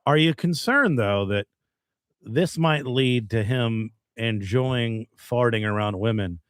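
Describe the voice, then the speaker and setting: Male podcast co-host, deadpan wisecracks, mid-range pitch, dry close recording. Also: slow, clean tone, no room sound. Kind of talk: casual comedic chat.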